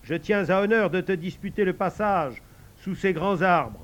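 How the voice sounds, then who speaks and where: A man's voice: high-pitched, normal speed, lo-fi sound, background noise, pitched above the performer's own voice, lightly acted. A man voicing an eager boy playing a rival knight, declaiming and indignant. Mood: defiant.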